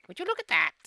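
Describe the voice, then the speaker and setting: A man's voice: very high voice, very noisy, voice pushed up. A man voicing a gleefully wicked old hag in a tabletop game, with a gloating, taunting cackle.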